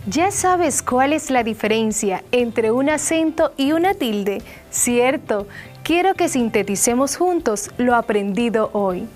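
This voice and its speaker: A woman teacher giving a scripted lesson, slowly stressing and repeating key phrases. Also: on the high side, lively intonation, a little mellow. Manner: slow, drawn-out repetition of key phrases. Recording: faint background music.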